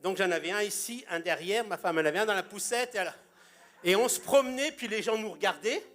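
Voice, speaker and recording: A man's voice: sits high, quick pace, a bit bright, soft background music. A man in his sixties, a pastor preaching a sermon in a church and telling humorous anecdotes with punchlines.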